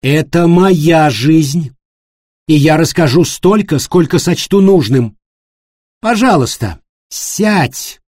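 Man doing indignant rich woman, raised higher voice, husky, dry, lively. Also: slow pace, dry recording. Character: wealthy proud woman, defiant and firm.

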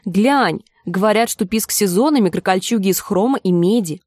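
A woman voicing a dim, dreamy young kitchen maid who talks in slow, vague slang, in an audiobook. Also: medium pitch, darkish tone, no echo, close to an everyday voice.

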